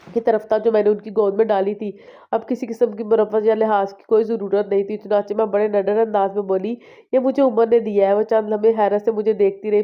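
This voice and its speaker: Flat-voiced woman reading a romance novel. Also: mid-range voice. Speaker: novel reader. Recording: dull lo-fi recording.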